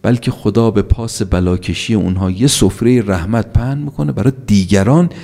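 A man with a low, gravelly voice preaches a religious sermon. His tone is dark and warm, and he delivers it emphatically, rising sharply on key points and asking rhetorical questions. His voice carries the long reverb of a large hall.

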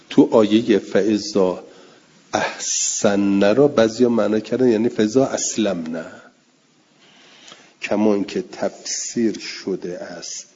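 A man teaching a religious text in class, reading Arabic passages aloud and then explaining them in Persian, slowing down and repeating key words. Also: fairly low pitch, warm tone, breathy edge, in a large hall. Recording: dull lo-fi recording.

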